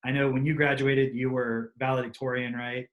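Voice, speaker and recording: Male stream co-host, average pitch, informal and explanatory, agreeable conversational delivery on a video call. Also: flat delivery, moderate pace, narrow, tinny audio. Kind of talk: casual chat.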